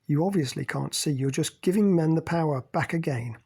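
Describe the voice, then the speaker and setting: A man's voice: on the high side, a little fast, creaky, darkish tone, slightly rough, heavily acted. Man doing a prickly, sneering woman. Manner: defensive, dismissive.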